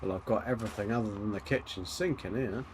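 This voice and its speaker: A man's voice: on the low side, fast, noisy background. A man giving chatty, cheeky commentary while playing a video game. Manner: chatty, cheeky, laughs often. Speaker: streamer. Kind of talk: casual gameplay commentary.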